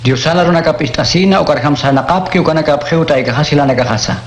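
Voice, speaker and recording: An actor playing Jesus in a radio drama, speaking in a calm, measured way. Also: male voice, fairly high pitch, slight background noise, lightly acted. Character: Jesus, calm and commanding teacher. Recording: echoey radio drama with music.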